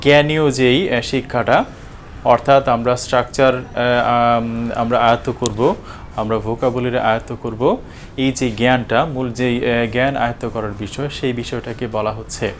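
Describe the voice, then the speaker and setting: A man's voice: medium pitch, fairly even intonation, moderate pace, a little hiss or hum. A man teaching a lesson, explaining step by step with many fillers and restarts. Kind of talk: explanatory lecture.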